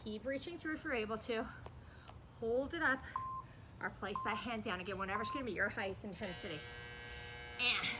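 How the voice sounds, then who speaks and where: A fitness instructor leads an aerobics session in a backyard garden, cheering people on and counting down while doing the moves herself. Her medium-pitched voice is fairly quick but broken by long pauses, and ambient outdoor noise fills the recording.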